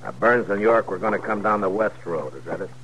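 An actor playing a steady, skeptical American frontier marshal, terse and authoritative, in a 1950s radio western. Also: male voice, fairly low pitch, fairly quick. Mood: commanding. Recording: muffled, noisy 1950s radio recording.

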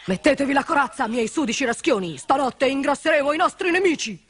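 A woman's voice: sits high, animated, normal speed, a bit bright, husky, exaggerated voice. A woman voicing a boastful, bossy male goblin chief in a storybook reading, over music. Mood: gloating.

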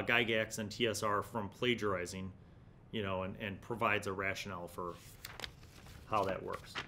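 A middle-aged host of a gaming review series chats casually and thinks aloud while flipping through a magazine and reading pieces of it out. His voice is a bit bright, picked up by a desk condenser microphone in front of him in a small home studio, with a clear low rumble behind it.

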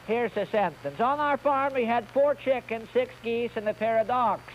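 A man doing a mock-Swedish answer man, high-voiced. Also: a little hiss or hum. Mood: deadpan. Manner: slow, deliberate joke delivery with broken grammar. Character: bumbling Swedish answer man, middle-aged male, boastful. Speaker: children's TV entertainer. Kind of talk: comic question-and-answer routine. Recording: dull old TV recording with music.

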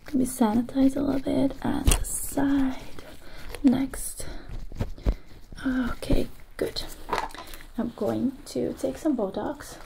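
A young woman in an ASMR role-play, playing a brisk, reassuring medic with soft, breathy, repetitive murmured patter. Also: high-pitched, steady tone, heavily acted. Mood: soothing, businesslike. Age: young adult. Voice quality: soft, breathy, often soft-spoken. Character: brisk, reassuring female medic doing procedures on a patient. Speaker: ASMR performer. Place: small indoor room. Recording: noisy close recording with clicking.

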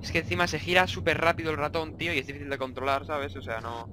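A man's voice: fairly high pitch, little pitch movement, fast, noisy background. A young man from Spain with a Spanish accent, commentating a horror game he plays, swearing a lot and jumping between jokes and startled outbursts. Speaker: gaming YouTuber.

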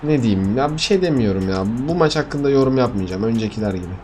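Young male gaming streamer, lively voice, grumbles and vents at viewers, faint music behind. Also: mid-range voice, fairly quick. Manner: frustrated, talks to viewers, swings from mutters to outbursts. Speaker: gaming YouTuber. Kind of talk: casual live game commentary.

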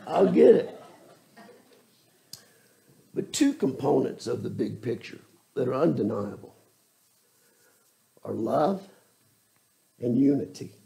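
Older man at a church lectern, gravelly and dark-toned, unhurried, halting, nervous. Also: mid-range voice, big pitch swings. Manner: halting, self-deprecating, frequent restarts and fillers. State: trembling with nerves. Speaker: church elder preaching. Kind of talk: sermon. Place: small church, indoors. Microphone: lectern microphone.

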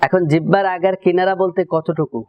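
A man teaching Quran recitation, giving a pronunciation lesson and drawing out syllables in slow repeated drills. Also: high voice, level tone. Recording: slightly dull lo-fi recording.

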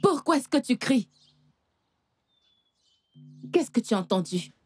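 A woman's voice: sits high, big pitch swings, a little slow, slightly rough, no echo, heavily acted. An actress dubbing an evasive young woman dodging her brother's questions in a film. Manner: evasive, coaxing. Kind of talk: dubbed film dialogue.

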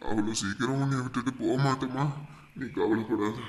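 A calm, easygoing father, played by a man soothes his daughter with a light, joking reassurance. His voice sits at an ordinary middle pitch. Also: a little fast, lightly acted. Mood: reassuring. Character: gentle comforting father, easygoing older man.

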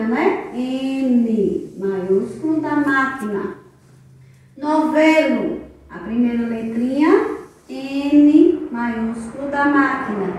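A woman teacher speaks in a high, sing-song voice, stretching out each syllable slowly for small children. She is far from the microphone in a very echoey room, with a faint hiss underneath. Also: darkish tone. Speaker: preschool teacher. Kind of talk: recorded children's lesson. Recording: very echoey room, distant mic, faint noise.

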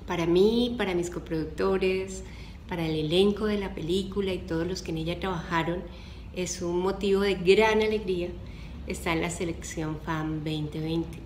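A woman's voice: fairly low pitch, steady tone, moderate pace, a little mellow, faint music behind. A woman in her forties giving an interview testimonial, recorded at arm's length in a living room. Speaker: film director. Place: living room with hard walls. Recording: echoey room, faint background noise.

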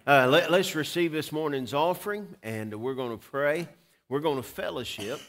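A man with a Southern US accent, a preacher speaking informally and haltingly to his congregation in a folksy, exhorting manner. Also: fairly high pitch, a bit bright, a little hiss or hum. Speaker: pastor. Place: large church sanctuary, at the pulpit.

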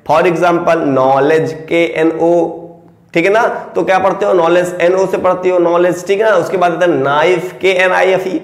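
A man with an Indian accent teaches English vocabulary in a fairly high voice. He spells each word out letter by letter and keeps repeating key words, and his voice rings with a noticeable room echo. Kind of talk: classroom-style vocabulary lesson.

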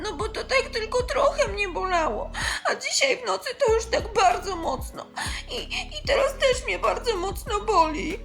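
A woman's voice: extremely high pitch, expressive, measured pace, pushed and bright, soft background music, pitched above the performer's own voice, exaggerated voice. A woman voicing a frightened, sick little girl who whimpers and cries in a home-made toy-game story. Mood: tearful, scared. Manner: tearful, whimpering.

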